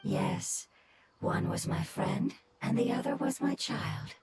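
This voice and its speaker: A woman voicing an ancient, gentle, wise female forest spirit in a video game, with a soft airy voice and formal, explanatory phrasing. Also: fairly high pitch, takes it slowly, vocal fry, heavy background noise. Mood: serene, gentle. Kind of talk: video game character acting. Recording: clean voice under loud music. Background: loud game music.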